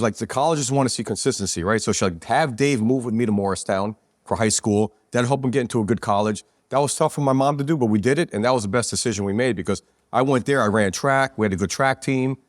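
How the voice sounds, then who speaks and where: A New Jersey business owner in his forties, appearing as a podcast guest, tells rambling, profane stories in a street-talking style during a casual chat at a pizzeria. His voice is mid-range, and the studio-quality recording has no echo.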